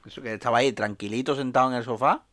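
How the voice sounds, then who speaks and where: Man, rapid talker, excitable co-host, casual chat. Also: mid-range voice, no echo, clean studio sound. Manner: quick, excitable, laughs along. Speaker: podcast co-host.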